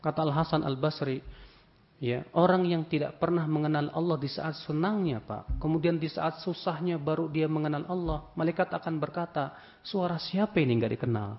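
A man's voice: fairly high pitch, fairly even intonation, moderate pace. A man preaching in a religious study lecture, telling stories, acting out dialogue, and reciting Arabic before translating it. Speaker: Islamic preacher teaching hadith. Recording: dull lo-fi audio recording.

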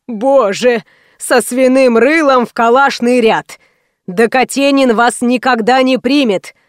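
A woman's voice: a little high, slow, no room sound, clean studio sound. A woman reading aloud and voicing a pompous, scornful middle-aged male writer with a huffy, condescending manner.

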